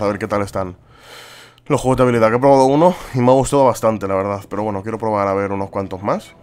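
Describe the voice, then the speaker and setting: Excitable young gamer. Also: male voice, medium pitch. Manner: excitable, swears and exclaims often. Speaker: gaming YouTuber. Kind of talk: let's play commentary.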